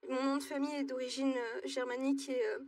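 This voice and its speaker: Brief: twenties, woman from Alsace, talk show guest, hesitant, high-pitched, slightly distant. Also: little pitch movement. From Alsace, France. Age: 20s. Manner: hesitant, halting with many fillers. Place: TV studio.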